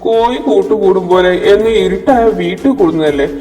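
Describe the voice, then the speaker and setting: A man's voice: high voice, a little fast, dark tone, lightly acted. A man voicing a brash young man who talks back to his mother in a cocky, dismissive way. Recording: echoey room with long reverb, from far off, music behind.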